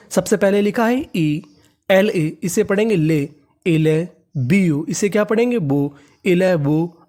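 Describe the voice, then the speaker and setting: A man teaching English reading in a class. He spells out words, asks what they are read as, answers himself, and repeats each word slowly several times. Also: high-pitched, a little mellow. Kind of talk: classroom lesson.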